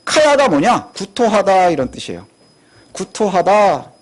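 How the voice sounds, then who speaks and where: High, lively male pastor preaching. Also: measured pace. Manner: conversational, many rhetorical questions; frequent affirming "ye" filler. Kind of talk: sermon.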